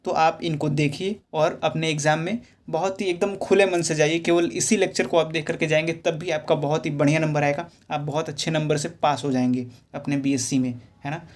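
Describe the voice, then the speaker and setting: A man teaching physics for exam prep, reading English questions slowly and explaining step by step with rhetorical questions. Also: on the high side, steady tone. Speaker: physics tutor.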